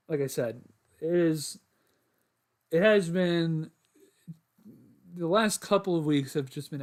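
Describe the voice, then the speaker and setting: A young man hosting a casual solo sports podcast, rambling with lots of fillers, his voice getting hoarse after talking a long time. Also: fairly high pitch. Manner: rambling, filler-heavy, restarts often.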